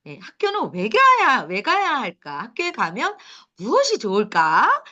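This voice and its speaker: Lively, bright-voiced woman lecturing parents. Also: mid-range voice, highs cut off. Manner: animated, asks the audience questions, laughs at her own points. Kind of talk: lecture to mothers.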